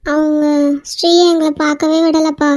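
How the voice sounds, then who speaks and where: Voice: high-pitched, flat delivery, normal speed, no room sound, studio quality, lightly acted. A performer voicing a worried young woman, a pleading younger sister in a cartoon. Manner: anxious, pleading. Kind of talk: cartoon voice acting.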